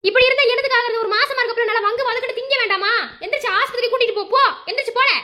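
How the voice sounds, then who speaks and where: A fretting mother-in-law, played by a woman, scolds and fusses at a rapid clip. Her voice is very high and bright, in an amateur family skit. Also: steady tone. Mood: fussing, scolding. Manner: scolding, fussing chatter.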